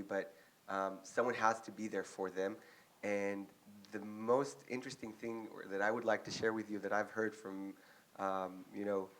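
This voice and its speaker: An agency representative in his young adult years, Israeli and accented, speaks sincerely before an audience with many ums and pauses. He has a fairly low pitch with a fairly bright tone.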